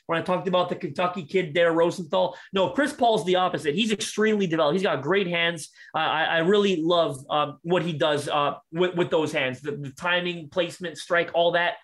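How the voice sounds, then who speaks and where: A man with a high voice talks through draft prospects on a podcast. He is eager and quick, slightly out of breath, often restarting his sentences. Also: a bit bright. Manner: fast, enthusiastic, many restarts. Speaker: draft analyst guest. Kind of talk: podcast sports talk.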